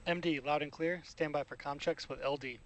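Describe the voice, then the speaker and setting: A man's voice: on the high side, steady tone, brisk, low-quality recording. A man making terse procedural astronaut radio com checks as a mission controller over a radio loop.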